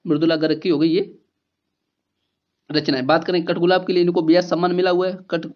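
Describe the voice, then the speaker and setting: A man with a fairly high voice teaches an exam-prep grammar lesson. He goes through each point slowly, repeating key words and asking questions back to the class. The recording sounds dull and lo-fi. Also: little pitch movement. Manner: explains step by step, repeats key words, asks rhetorical questions.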